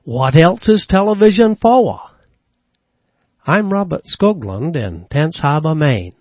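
A male radio humorist reads a scripted piece in a dry, deadpan way. His voice is slightly high. The recording is dry, close and lo-fi. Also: takes it slowly, no echo. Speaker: radio commentator.

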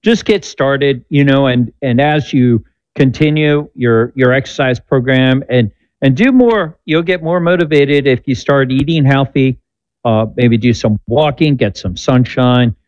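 A man's voice: medium pitch, measured pace, darkish tone, no echo. A man in his sixties, a doctor on a call-in show, giving upbeat coaching advice that turns preachy at times. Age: 60s. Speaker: doctor guest answering callers. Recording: dull slightly lo-fi sound.

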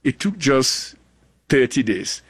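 A Cameroonian global health scientist in his sixties speaks earnestly in a conversational interview, halting and frequently restarting. His medium-pitched voice is sing-song and husky, with no room sound.

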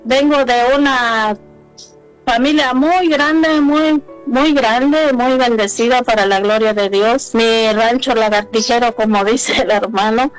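A woman giving a religious testimony, a little nervous, talking haltingly with many restarts and fillers. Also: on the high side, faint music behind, rough recording. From Mexico.

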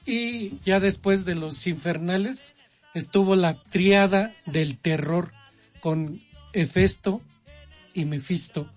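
A man with a Mexican accent co-hosting radio with casual, joking banter in a raspy voice. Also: high-pitched. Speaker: radio co-host. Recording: slightly dull radio sound.

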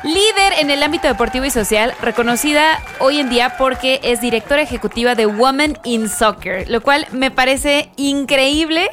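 A woman's voice: high voice, normal speed, few pauses, fairly bright tone. A woman hosting a radio show, effusive and enthusiastic as she introduces her guest. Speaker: radio host.

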